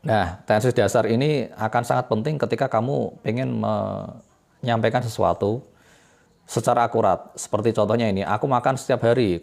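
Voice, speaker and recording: Male self-taught English tutor, low gravelly voice, casual and chatty, lots of fillers. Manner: relaxed, chatty explaining with fillers and self-corrections.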